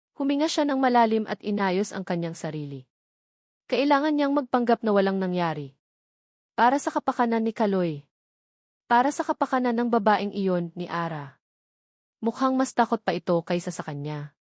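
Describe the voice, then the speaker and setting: Slightly mellow and mid-range, this Filipino-accented woman's voice narrates a scripted dramatic audiobook story in clean studio sound with no room noise.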